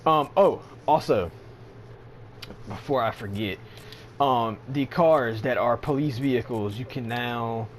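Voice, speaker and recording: A man's voice: medium pitch, takes it slowly, a little hiss or hum. A man giving casual, rambling commentary on a game update, sleepy and yawning, with lots of fillers and slang. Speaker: gaming channel host.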